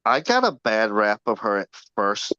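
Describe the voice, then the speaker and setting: A man chatting earnestly about a fellow player, rambling a little and speaking softly. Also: fairly low pitch, sing-song, moderate pace, clear, resonant tone, dry recording, lo-fi sound. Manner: soft-spoken, rambling and earnest. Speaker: former contestant. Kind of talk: casual podcast chat.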